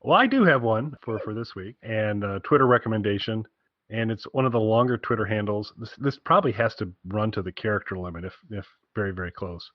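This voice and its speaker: A man co-hosts a casual podcast over an internet call, sounding enthusiastic and rambling, repeating himself as he goes. His voice sits on the low side with lively intonation and a brisk pace. There's no echo, but the sound is lo-fi.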